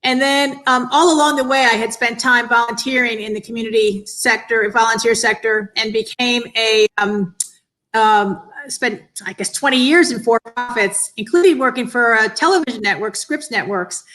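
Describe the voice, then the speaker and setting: Her voice is a little high and a bit bright, moving at a moderate pace, with faint music behind and rough recording quality. She's a children's cancer charity director in her fifties from the northeastern US, an interview guest answering earnestly and appreciatively on an online call indoors.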